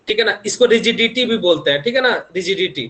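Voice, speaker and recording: Young guy a high voice, lilt, teaching engineering online, keeps asking if everyone got it. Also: expressive, normal speed, bright, forceful tone. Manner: repeats tag questions constantly, homely examples.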